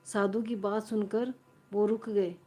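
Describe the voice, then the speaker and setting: A woman on a live stream tells a story in a slow, unhurried way. She often repeats a line or corrects herself mid-sentence. Her voice is soft and mellow. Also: mid-range voice, flat delivery. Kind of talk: casual storytelling to a live audience.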